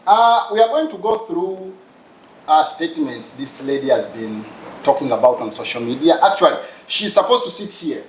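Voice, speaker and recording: A Ugandan man hosts a studio talk show. His voice sits a little high for a man. It carries a roomy echo with a faint hiss underneath. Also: animated, moderate pace. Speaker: host.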